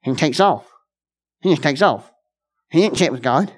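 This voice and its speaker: An earnest man preaches to his church in a conversational way. He circles back over his words, restarting and repeating phrases. Quick, offhand asides give way to slow, weighty lines. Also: fairly high pitch, lively intonation, husky. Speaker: pastor. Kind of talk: conversational sermon.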